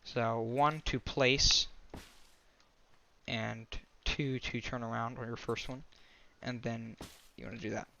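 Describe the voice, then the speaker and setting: A man talks through a game tutorial in a loose, casual voice-over, stopping to restart and correct himself as he goes. His voice is bright and forward at a middle pitch. Faint clicks sit under it. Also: creaky, a little hiss or hum. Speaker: gaming tutorial creator.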